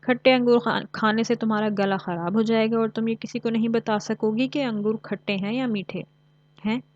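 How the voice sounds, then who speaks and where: A quick-witted little cuckoo from a storybook, played by a woman, bold and scolding as she lectures. The recording is close and dry, slightly dull. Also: a little high, steady tone, dry recording, natural voice. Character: clever quick-witted female cuckoo bird.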